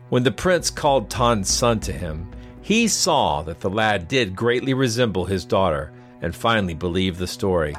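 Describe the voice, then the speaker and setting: A man reading a traditional tale as a scripted, expressive storybook narration. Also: on the low side.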